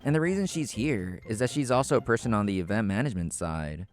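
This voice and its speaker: A man with a low voice and lively intonation narrates a scripted story in the first person as its main character. His delivery is measured and explanatory, with soft music underneath.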